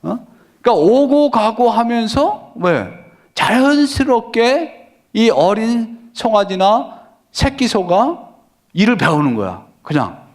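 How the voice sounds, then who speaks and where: Man, high voice, pastor, folksy conversational sermon, rhetorical questions. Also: big pitch swings, slow. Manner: folksy, asks the congregation questions and answers them himself. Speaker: senior pastor.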